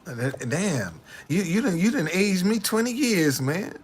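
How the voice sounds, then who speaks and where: Man, late sixties, casual talk to camera, street slang, repeats himself, fairly high voice. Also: measured pace, breathy edge. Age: 60s. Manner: animated, repetitive, indignant retorts.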